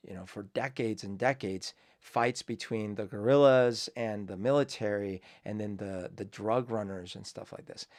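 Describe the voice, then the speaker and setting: A Colombian-raised man hosts his own show, offering reflective, rambling commentary packed with fillers and restarts. His voice sits on the low side with a darkish tone, and he talks at a moderate pace with hardly any pauses.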